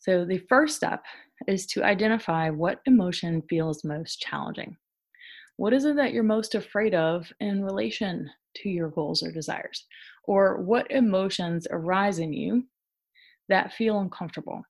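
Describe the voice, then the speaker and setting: A woman's voice: medium pitch, moderate pace. A woman hosting a podcast, giving frank, chatty advice on relationships with casual swearing and rhetorical asides. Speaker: podcast host, intimacy coach.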